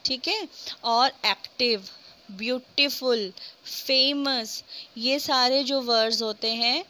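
A woman teacher explaining English grammar in Hindi, reading the English examples slowly and asking the class rhetorical questions. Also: a little high, sharp tone, a little hiss or hum. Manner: slow, drawn-out English example sentences.

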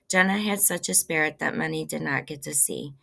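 Grieving young woman, measured, heartfelt, low voice, gravelly edge, read by a woman. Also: sharp tone, full character voice. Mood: solemn.

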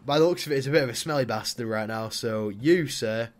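A young man casually commentating a life-sim game, chatting to his character and breaking into loud exclamations. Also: mid-range voice, quick pace. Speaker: gaming YouTuber. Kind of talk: casual Let's Play commentary.

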